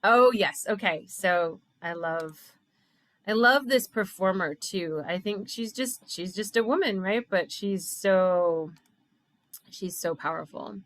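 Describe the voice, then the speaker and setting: A woman hosting a casual group discussion, enthusiastic and quick to laugh. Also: medium pitch, dry recording. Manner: warm, enthusiastic, laughs often. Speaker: host.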